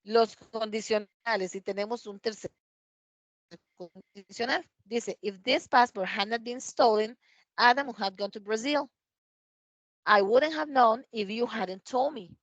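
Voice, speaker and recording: Woman, English teacher, dry sound, slow careful examples. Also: fairly high pitch, no echo, highs cut off. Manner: reads English examples aloud slowly, checks with "¿verdad?". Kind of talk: classroom grammar explanation. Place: classroom.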